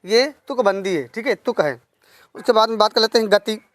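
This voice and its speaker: A woman of middle pitch teaches poetics, speaking straight into a dry, close microphone. She repeats each key term slowly and poses questions to her students that she answers herself. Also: animated, no room sound. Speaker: Hindi literature teacher. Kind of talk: online exam-prep lesson.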